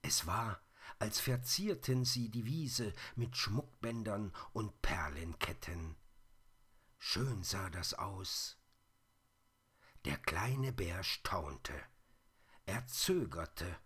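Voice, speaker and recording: Man reading a children's story, slow, husky, lively pitch, gentle.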